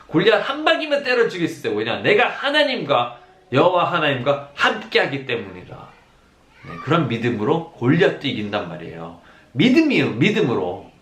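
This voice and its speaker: A man preaching a sermon as pastor, emphatic, repeating phrases and swinging between loud declarations and hushed asides. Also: a little high, huge pitch swings, fairly quick, echoey room.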